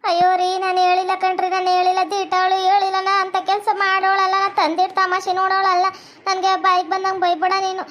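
A wronged young cartoon daughter-in-law, voiced by a woman, pleads her case in a North Karnataka accent. Her high voice rushes along on a flat line. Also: a little hiss or hum. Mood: pleading. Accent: North Karnataka Kannada. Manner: pleading, defensive. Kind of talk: cartoon comedy voice acting.

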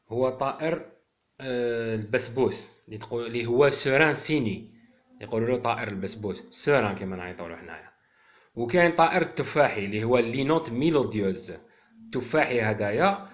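A man's voice: mid-range voice, a bit bright, echoey room. A man with an Algerian accent, a bird keeper explaining things casually and speaking directly to his viewers.

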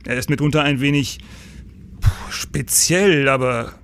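In a radio crime drama, a male actor voices a weary but commanding middle-aged police chief. His mid-range voice has a fairly bright tone, and his brisk delivery breaks into pensive hesitations, with a little hiss or hum in the background.

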